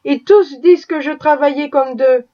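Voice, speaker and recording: A bitter, impassioned young husband pours out his grievances, read by a woman who barely changes her voice. The tone is high, and the recording is muffled and lo-fi. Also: moderate pace, close to an everyday voice. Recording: dull lo-fi recording.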